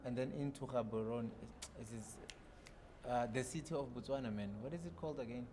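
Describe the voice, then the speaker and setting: A man from South Africa, around his thirties, telling stories as a podcast guest in a relaxed manner with many fillers. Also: mid-range voice, brisk, background noise. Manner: relaxed storytelling with frequent fillers. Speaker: podcast guest, long-distance walker. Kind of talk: casual interview chat. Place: podcast studio.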